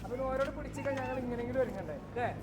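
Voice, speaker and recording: A man with a Kerala Malayali accent giving an animated, casual travel vlog, mixing English words into his Malayalam. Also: very high-pitched, racing. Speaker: travel vlogger. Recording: clear outdoor street and vehicle noise.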